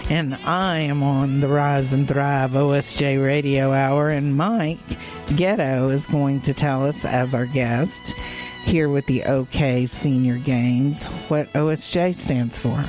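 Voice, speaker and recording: A woman hosting a radio talk show, upbeat and quick with agreeing interjections. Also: extremely low pitch, a little mellow, faint music behind. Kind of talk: casual radio interview chat.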